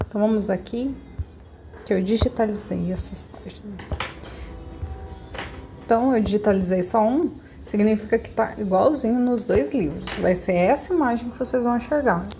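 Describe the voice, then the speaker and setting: A woman's voice: mid-range voice, moderate pace, warm tone, faint music behind. A woman, a schoolteacher patiently explaining lessons step by step to children over a computer mic. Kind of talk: remote class instructions.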